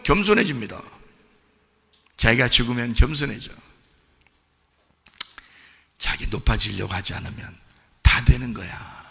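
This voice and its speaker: A male pastor preaching a sermon with a raspy voice, firing rhetorical questions and swinging between hushed lines and shouting. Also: medium pitch. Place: church sanctuary. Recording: long hall reverb.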